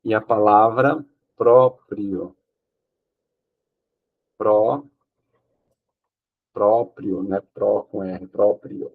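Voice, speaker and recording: A man's voice: on the low side, fairly even intonation, very slow, vocal fry, long pauses, narrow, tinny audio. A man teaching Portuguese grammar for an exam, explaining step by step, asking questions and answering them himself, often checking with "ok?". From Brazil. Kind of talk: exam-prep grammar lesson.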